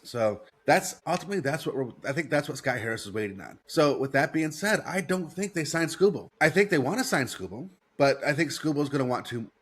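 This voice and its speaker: A man's voice: a little high, animated, brisk, hardly any pauses, a bit bright, breathy edge. An American man hosting sports talk, congested with a head cold and breathing through his mouth, repeating his points for emphasis. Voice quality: stuffy-nosed.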